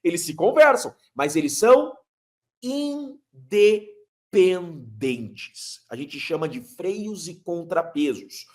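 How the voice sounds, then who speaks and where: Speaking slowly, with big swings in a fairly high voice, a male lawyer lectures emphatically about legal matters and uses rhetorical questions. He is in his 30s and comes from Curitiba, Brazil.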